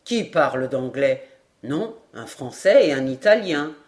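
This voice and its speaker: A woman voicing a French army sergeant who speaks slowly, deliberately and firmly in an audiobook reading. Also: very deep voice, expressive, darkish tone, pitched below the performer's own voice. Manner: slow, deliberate and firm. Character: old French army sergeant, slow and certain.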